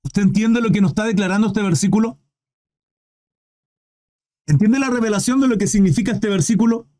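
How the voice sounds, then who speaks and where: A man's voice: sits high, a little fast, darkish tone. A man preaching a sermon with fervent, questioning delivery, often calling listeners "brother".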